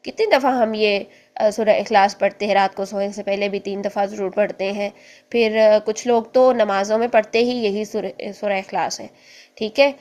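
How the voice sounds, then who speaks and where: A woman teaching an online Quran class, explaining letter sounds patiently and step by step, then slowly demonstrating each one. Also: medium pitch, a little mellow.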